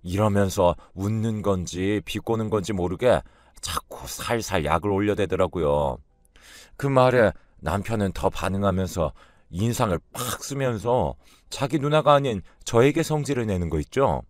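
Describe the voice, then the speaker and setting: A man's voice: fairly low pitch, expressive, moderate pace, dry recording, studio quality. A man narrating a first-person family story in a complaining, resentful tone.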